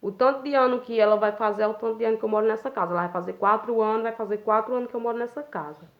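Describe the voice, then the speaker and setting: A young woman, telling her own life story in a plain-spoken, unhurried way and often checking in with tag questions. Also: on the high side, steady tone. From Pernambuco, Brazil. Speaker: vlogger. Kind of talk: casual personal storytelling. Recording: dull lo-fi recording.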